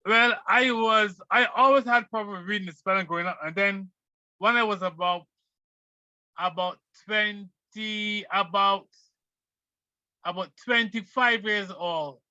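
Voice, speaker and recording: A middle-aged man from Barbados answering interview questions in a hesitant, halting way with many restarts. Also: sits high, steady tone, sharp tone, no echo. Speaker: guest. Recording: dull lo-fi sound.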